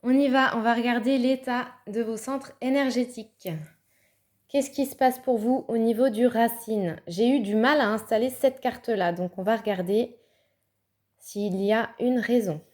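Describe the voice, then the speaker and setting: A fairly high-voiced woman chats her way through a tarot card reading. She thinks aloud as she goes, with fillers and small laughs, in a relaxed, casual way. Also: moderate pace. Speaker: tarot reader.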